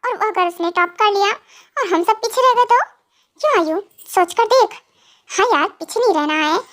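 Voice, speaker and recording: A woman's voice: very high voice, expressive, normal speed, fairly bright tone. A woman voicing chatty, gossiping schoolgirl friends in a fan audio drama.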